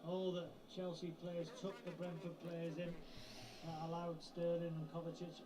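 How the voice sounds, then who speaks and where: Husky-voiced male football pundit. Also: a little high, monotone, mellow, rough recording. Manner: measured, matter-of-fact analysis. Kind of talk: TV football analysis.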